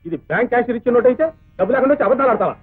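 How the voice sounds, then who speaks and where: A man's voice: very high voice, animated, slightly rough, no echo, heavily acted. An actor playing an irritable male hotel cashier who accuses a boy of lying. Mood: scolding. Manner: brusque, scolding, rapid talk. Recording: tinny lo-fi film audio.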